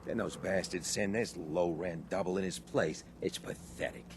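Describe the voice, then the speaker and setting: A man's voice: deep voice, moderate pace. A man playing a cocky, hard-bitten neighborhood watchman in a video game, colloquial and scornful. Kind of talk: video game character acting. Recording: clear background noise, game ambience.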